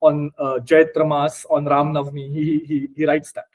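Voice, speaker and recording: A man from India, Marathi his first language and his accent Indian, informally teaches a scripture study group, explaining word by word and fielding questions. His voice sits on the high side, a little mellow, and he speaks at normal speed with a completely flat delivery.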